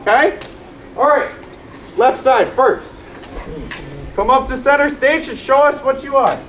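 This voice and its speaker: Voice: high-pitched, a little slow, fairly bright tone, dull audio. Playful convention panel host in an echoey room. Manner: playful, teasing, calls out to people on stage. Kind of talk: convention panel talk to a live audience. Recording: echoey room, faint noise.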